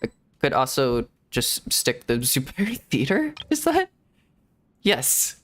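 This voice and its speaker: Streaming a game as a VTuber, a man keeps up rambling casual self-talk full of giggles. He has a medium-pitched, fairly bright voice with huge pitch swings and a slow pace.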